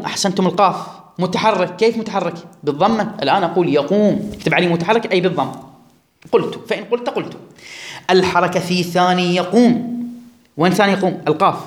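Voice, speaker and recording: A man teaching a classroom grammar lesson, drawing out and repeating words for his students. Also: high voice. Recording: echoey room.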